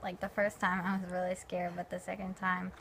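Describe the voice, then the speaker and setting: Slightly creaky young woman chatting. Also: on the low side, completely flat delivery, fairly quick, a bit bright, a little hiss or hum. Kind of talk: casual chat.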